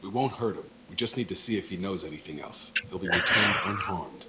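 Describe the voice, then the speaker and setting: Guy playing a calm soldier, deep quick voice, matter of fact, game, really noisy. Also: close to an everyday voice.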